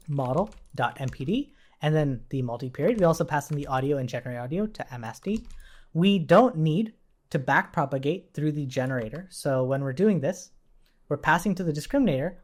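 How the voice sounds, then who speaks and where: A man with a slightly mellow voice on the high side teaches an informal coding tutorial. As the programming instructor, he explains things step by step while typing, checking in with rhetorical questions.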